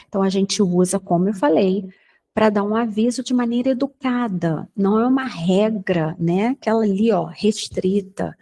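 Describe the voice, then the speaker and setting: Brazilian woman teaching English, warm husky voice. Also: mid-range voice, rough recording. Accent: Brazilian Portuguese. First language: Portuguese. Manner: slow, drawn-out model sentences in English; chatty asides to students. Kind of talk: casual recorded language lesson.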